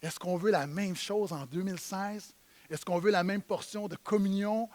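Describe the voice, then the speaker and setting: A pastor with a Québécois French accent preaches a sermon in church, emphatic and alternating between loud stresses and quiet, low lines. His tone stays steady and he speaks at a normal speed.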